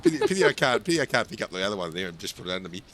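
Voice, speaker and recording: A man's voice: lowish voice, very animated, very fast, a bit bright, slight background noise. A man casually chatting and joking while playing a multiplayer game with friends, his voice a little off today. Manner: laughs often, jokey. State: voice a bit off. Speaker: streamer, co-host of a multiplayer game. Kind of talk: casual gaming chat.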